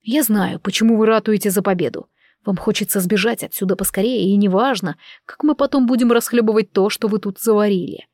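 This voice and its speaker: A woman's voice: mid-range voice, fairly quick, a little mellow, no room sound, studio quality, close to an everyday voice. A woman reading a cold, clipped king. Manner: clipped, detached. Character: cold, curt male king.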